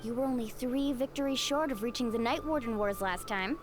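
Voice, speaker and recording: A woman voicing a bright, encouraging young woman in a video game, reassuring and upbeat. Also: fairly high pitch, brisk, close to an everyday voice.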